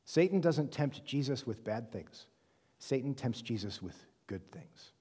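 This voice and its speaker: A man teaching a Bible study class in a relaxed lecture style, often checking in with his listeners and pausing on "um" as he thinks. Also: medium pitch, husky. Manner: conversational, checks in with "right?" and "okay?"; frequent "um" fillers and self-corrections. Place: reverberant room with a live group. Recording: long room reverb.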